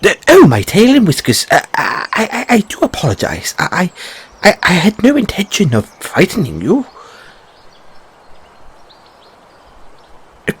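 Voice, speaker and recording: A man's voice: high voice, wildly swooping pitch, normal speed, breathy edge, exaggerated voice. A man playing an anxious, polite, whimsical rabbit boy in a fantasy audio roleplay, with stammered, courteous, old-fashioned phrasing. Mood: flustered, apologetic. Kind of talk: theatrical fantasy audio roleplay addressed to listener.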